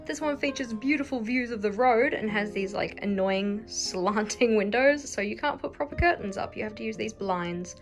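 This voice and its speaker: Young nz woman doing a chatty house tour vlog on her phone, dry little jokes, faint music behind. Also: mid-range voice. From New Zealand. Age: young adult. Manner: chatty, wry asides. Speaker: vlogger. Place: house, indoors, moving room to room. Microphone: phone held at arm's length.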